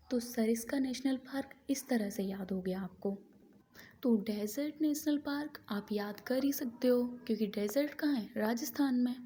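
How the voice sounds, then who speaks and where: A young woman tutoring for competitive exams in a casual explainer video, speaking softly and patiently, step by step. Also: fairly high pitch, slight background noise. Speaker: exam-prep tutor.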